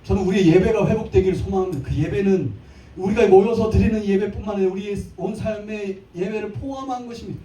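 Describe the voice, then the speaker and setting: A man's voice: high voice, fast talker, dark tone. Playful preacher man, echoey hall. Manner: playful, acts out little scenes and jokes. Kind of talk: live church sermon. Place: church sanctuary. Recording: echoey church hall from a distant mic.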